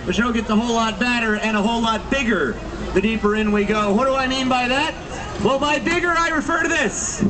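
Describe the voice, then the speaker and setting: A man's voice: very high-pitched, a little fast, background noise. A man working a crowd as a sword-swallower sideshow barker, with theatrical, emphatic showman's patter. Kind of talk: live sideshow pitch to a street crowd. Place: busy street outside an attraction, later its lobby. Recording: distant mic, crowd around.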